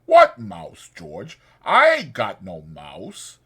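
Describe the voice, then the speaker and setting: A man voicing a big, simple-minded, pleading farmhand for an audiobook, with slow, naive, apologetic rustic speech. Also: fairly high pitch, wildly swooping pitch, creaky, fairly bright tone, slightly rough, pitched above the performer's own voice, exaggerated voice. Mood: feigned innocence.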